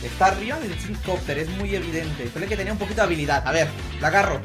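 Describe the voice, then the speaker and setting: A man playing a video game and commenting excitedly, talking to himself and breaking into shouted exclamations. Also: sits high, very fast. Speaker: gamer being reacted to. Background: loud game music.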